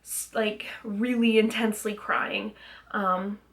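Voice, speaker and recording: A woman's voice: mid-range voice, level tone, slow. A young woman chatting to her camera in a loose, rambling way. She fills her sentences with ums and restarts, sounding a little out of breath. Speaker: vlogger. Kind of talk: casual vlog chat.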